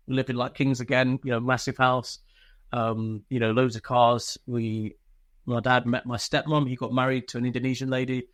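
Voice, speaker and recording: Speaking in a mid-range, fairly bright voice, a man who used to be a soldier shares personal stories as an interview guest. He's chatty and informal, chuckling often and swearing freely.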